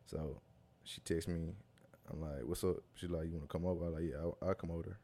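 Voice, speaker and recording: A man's voice: sits low, steady tone, fast talker, dark tone. A young man, a guest on a casual talk show, telling stories in loose, slangy talk and laughing through them. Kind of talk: casual storytelling chat.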